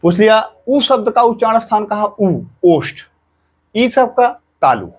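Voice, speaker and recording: A man with a fairly high voice teaches an exam-prep grammar lesson. He speaks patiently, voicing each sound himself and going over it again for his students. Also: big pitch swings, unhurried. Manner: patient, repeats sounds aloud and drills students.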